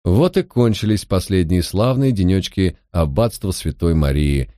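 A man's voice: low-pitched, animated, moderate pace, dark tone, no room sound, studio quality. A man reading the lines of a plain-spoken male companion in an audiobook. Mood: blunt.

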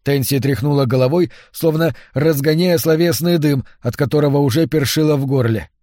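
A man narrating a novel as an audiobook, in a measured, even reading. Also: on the high side, no room sound, studio quality. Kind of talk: scripted literary narration.

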